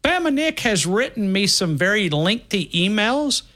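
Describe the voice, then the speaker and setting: A man's voice: sits high, very animated, a little slow, sharp tone. A man hosting a call-in sports talk radio show, joking and rambling with callers. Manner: jokey, rambling.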